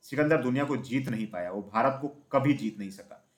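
A man narrating a children's storybook in a steady, even reading voice. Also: mid-range voice, a little fast.

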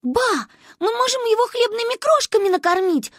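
A woman voicing an excitable, bold little girl who chatters shrilly and insistently. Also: very high-pitched, moderate pace, no room sound, clean studio sound, voice pushed up. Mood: excited, pleading.

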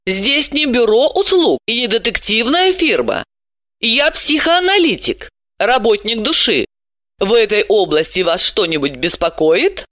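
A woman voicing a sharp, ironic female psychoanalyst in an audiobook, brisk and sarcastic. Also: big pitch swings, dry recording, studio quality. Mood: indignant. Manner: sarcastic, brisk and high-pitched. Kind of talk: audiobook character voice.

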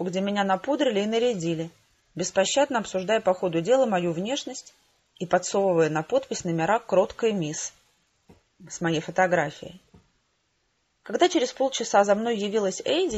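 Husky woman narrating a novel. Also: mid-range voice, darkish tone. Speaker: audiobook reader. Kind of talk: amateur audiobook narration. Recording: slightly dull home recording.

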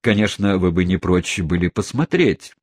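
A man's voice: deep voice, animated, normal speed, a little mellow, no room sound, clean studio sound. A man reading the part of a blunt, hearty older country host.

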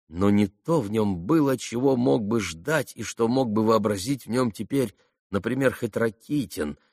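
A man narrating a literary audiobook in a measured, earnest manner. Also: lowish voice, no echo, studio quality.

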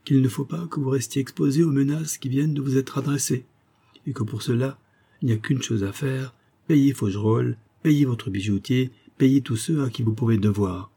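A man reading aloud voices an earnest, reserved colonel who speaks in a measured way. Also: medium pitch, gravelly, mellow, husky, voice pushed up.

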